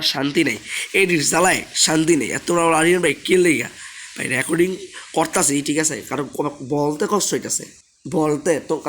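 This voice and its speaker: A young man, hoarse from a sore throat, chatting casually as he plays a game and keeps asking viewers to subscribe. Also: fairly high pitch, fairly bright tone, a little hiss or hum. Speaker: gaming channel host. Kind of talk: casual gameplay commentary.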